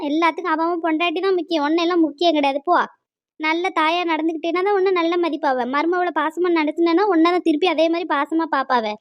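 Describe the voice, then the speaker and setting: A woman voicing a sharp-tongued, scolding middle-aged village woman in a cartoon. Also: very high voice, no room sound, dull audio. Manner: scolding, taunting, rapid-fire.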